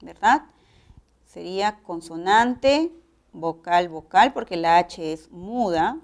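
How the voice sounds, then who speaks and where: A woman with a Peruvian accent teaching a pre-university class, explaining each step in a measured way. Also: on the low side, lively intonation. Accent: Peruvian Spanish. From Peru. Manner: measured, explanatory, spells out syllable patterns.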